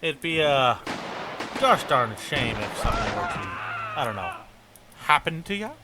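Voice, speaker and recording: A man's voice: on the high side, huge pitch swings, measured pace, recorded from a distance. A man putting on a folksy, mock-threatening voice as a backwoods rifleman in a game, with a noisy recording. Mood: mock-menacing. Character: menacing drawling male backwoods rifleman.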